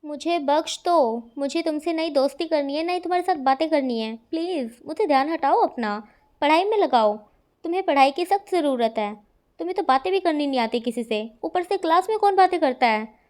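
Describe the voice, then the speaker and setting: Storybook figure: an annoyed teen schoolboy, pleading and soft-spoken, voiced by a woman narrator. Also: high voice, brisk, clear, resonant tone, lightly acted. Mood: irritated. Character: fed-up studious teenage schoolboy.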